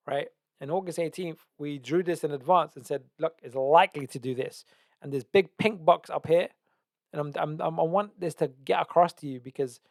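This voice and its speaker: A trading educator walks through a chart analysis during a screen-share, emphatically repeating key words and often asking "right?" His voice is a little high with vocal fry, and the recording is dry and clean, studio quality.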